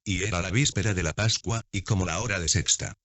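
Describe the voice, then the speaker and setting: A low-pitched man reads scripture in a measured, unhurried narration. The recording is dry, with no room sound, and the sound is dull and lo-fi. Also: fairly bright tone, dry recording. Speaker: Bible reader.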